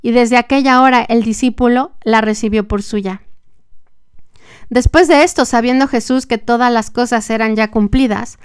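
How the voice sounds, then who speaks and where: A woman reading scripture aloud in a measured, earnest way, adding emphatic comments of her own. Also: fairly high pitch, steady tone, clear, resonant tone, no echo, clean studio sound. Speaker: podcast host.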